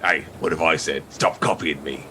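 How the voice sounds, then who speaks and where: A man voicing a gruff, irritable, bickering dwarf prisoner in a tabletop game. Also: extremely low pitch, fairly even intonation, normal speed, background noise. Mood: irritated. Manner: curt, bickering.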